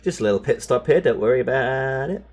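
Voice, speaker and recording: A man's voice: medium pitch, animated, quick pace, darkish tone. Male streamer, casual gameplay banter, playful and teasing, mid-range voice. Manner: playful, teasing, breaks into silly sing-song noises. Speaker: streamer playing a truck driving game. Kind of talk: casual gameplay chat with a co-player.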